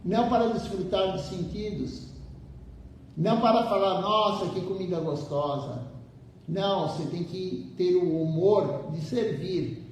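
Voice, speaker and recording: A man with a fairly high voice delivers a devotional sermon, pressing his listeners and repeating key phrases again and again. He sounds well away from the microphone in a very echoey temple hall, with a faint low rumble underneath. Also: a little slow, a little mellow, distant mic. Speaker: temple speaker.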